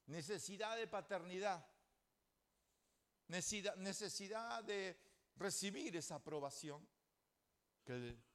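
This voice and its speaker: A man with a Rioplatense accent preaching a sermon to his congregation, emphatic, with sudden rises and soft drops. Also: fairly high pitch. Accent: Rioplatense Spanish. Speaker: pastor. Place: church before a congregation.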